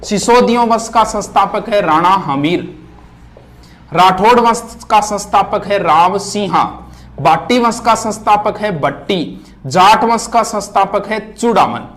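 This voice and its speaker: A man teaching a history revision lesson at a board, reciting names and facts in quick lists. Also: high-pitched, fairly bright tone. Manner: rapid, list-like recitation. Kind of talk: fast exam revision lecture at a board. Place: classroom with board.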